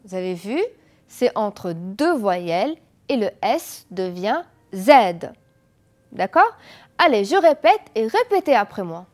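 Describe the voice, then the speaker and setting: A woman teaching French pronunciation on an educational TV lesson, drilling words slowly and asking the class to repeat after her. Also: mid-range voice, big pitch swings. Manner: slow, deliberate drilling with repeated checks. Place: TV studio.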